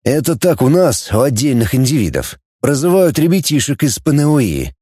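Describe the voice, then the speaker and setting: A man's voice: medium pitch, very animated, moderate pace, warm tone, breathy edge, no room sound, studio quality. A man playing a cynical, blunt male outcast who talks in a sardonic, scornful way.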